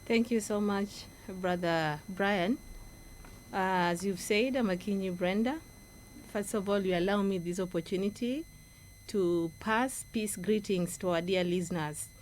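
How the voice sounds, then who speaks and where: A woman's voice: mid-range voice, measured pace, a little hiss or hum. A Kenyan woman, a project coordinator and guest speaker, giving an earnest, instructive talk in a radio studio.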